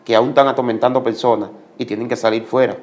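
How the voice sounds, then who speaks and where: A man's voice: medium pitch, steady tone, fast talker, darkish tone. A man giving a religious testimony as a guest, speaking like a preacher and repeating commands for emphasis.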